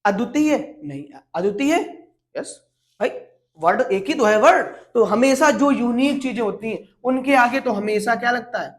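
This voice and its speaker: High-voiced woman teaching grammar step by step. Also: animated. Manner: explains step by step, asks questions and answers them herself; reads English sentences slowly, word by word. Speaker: English teacher. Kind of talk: Hindi-language grammar lesson.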